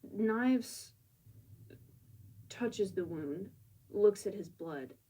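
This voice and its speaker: A woman's voice: mid-range voice, expressive, very slow, warm tone, breathy edge, recorded from a distance, rough recording. A woman reviewing a manga, recapping scenes in a reflective, musing way with casual asides.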